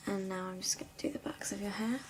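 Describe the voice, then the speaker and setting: Softly whispering woman, ASMR hairdresser. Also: mid-range voice, steady tone, background noise. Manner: soft whispering, slow and gentle. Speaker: hairdresser in a roleplay. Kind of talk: ASMR roleplay.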